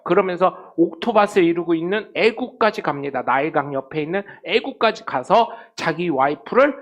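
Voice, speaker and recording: High gravelly pastor preaching. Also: male voice. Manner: storytelling, acting out quoted people, swings from loud to very soft. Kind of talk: sermon. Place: church sanctuary.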